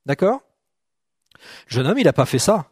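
A man's voice: a little high, sing-song, very fast, slightly rough, dry recording, clean studio sound. A middle-aged man preaching a sermon to a congregation in a conversational way, often checking in with "d'accord?" and joking with people in the room. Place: church hall.

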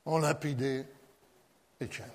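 A man's voice: mid-range voice, fairly even intonation, takes it slowly. A man preaching a sermon. He talks in a hesitant way, often loses his place and repeats himself. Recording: long reverb of a large hall.

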